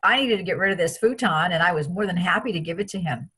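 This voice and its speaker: Husky-voiced woman telling stories. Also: on the low side, fast talker. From France. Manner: chatty, animated retelling with many restarts. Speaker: interview guest. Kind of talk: casual interview storytelling.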